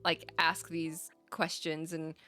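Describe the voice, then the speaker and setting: A woman with a bright, forceful voice talks casually in a podcast chat. She rambles, laughs often and tags her points with questions. Faint music plays behind her. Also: low-pitched, monotone, slow pace. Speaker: podcast co-host.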